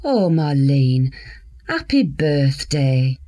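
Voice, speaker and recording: A woman imitating a patronising female care worker in a high, coaxing, drawn-out sing-song. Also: big pitch swings, mellow, full character voice.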